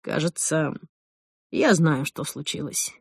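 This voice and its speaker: A woman voicing a soft-spoken controlling husband. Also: on the high side, big pitch swings, unhurried, slightly rough, no room sound, studio quality, pitched below the performer's own voice, heavily acted. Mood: patronizing. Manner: soft, patronizing coaxing. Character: calm controlling husband, soothing and condescending.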